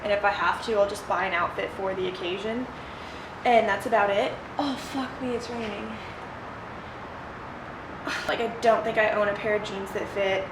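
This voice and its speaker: A woman's voice: mid-range voice, fairly even intonation, normal speed, pauses often. A young adult woman chatting informally and bluntly as she answers viewer questions in a solo vlog. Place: ice bath, sheltered outdoors or open to rain. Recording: roomy echo with clear background noise.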